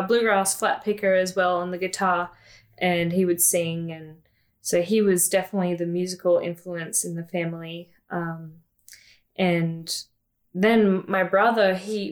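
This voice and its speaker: Chatty Australian woman musician. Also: lowish voice. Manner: chatty, with frequent ums. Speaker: musician guest. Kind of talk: casual interview storytelling.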